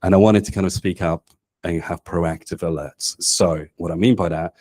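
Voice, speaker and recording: Holding a mic in a meeting room, this man in his forties chats with a community meetup crowd. He isn't from Australia. His voice sits low and slightly mellow, with fairly even intonation and moderate pace, and he peppers his casual talk with "um"s and "right?"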